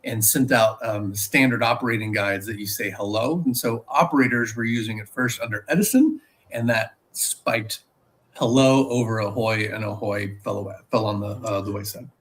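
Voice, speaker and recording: A man's voice: fairly low pitch, normal speed. A man co-hosting a podcast, explaining a topic in a laid-back way with many fillers. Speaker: podcast co-host. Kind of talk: casual chat.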